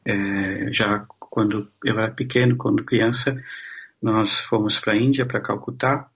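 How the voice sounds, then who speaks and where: A Brazilian social scientist, appearing as a guest, answers interview questions thoughtfully, halting and restarting often. His voice sits on the low side, steady, a bit bright and husky, and the sound is lo-fi.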